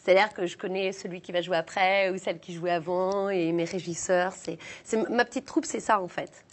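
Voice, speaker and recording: A woman's voice: lowish voice, steady tone, brisk. A young woman comedian from the south of France, chatting casually and self-mockingly in an interview, with lots of fillers and restarts. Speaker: comedian guest.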